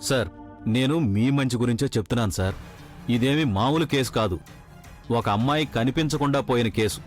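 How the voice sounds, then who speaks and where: A man's voice: medium pitch, brisk, natural voice. A man playing an anxious, respectful police constable who pleads with his superior, in a TV serial with background music. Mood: pleading.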